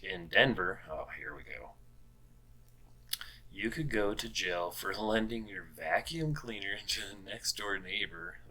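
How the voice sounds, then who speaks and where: Slow, deep-voiced man mulling odd laws. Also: animated, bright, forceful tone, rough recording. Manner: wry, puzzled, with many fillers and rereads. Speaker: host. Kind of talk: casual commentary reading out laws.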